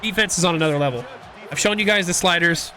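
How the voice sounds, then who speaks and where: A young man giving casual, excitable commentary while playing a football video game, rambling and reacting loudly to big plays. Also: sits high, fast, crowd noise. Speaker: gaming YouTuber.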